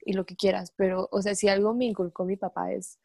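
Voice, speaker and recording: Young woman, Mexican Spanish accent, slangy animated storyteller, casual chat, dry close sound. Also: medium pitch, brisk, vocal fry, no echo. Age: young adult. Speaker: student. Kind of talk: casual chat among friends.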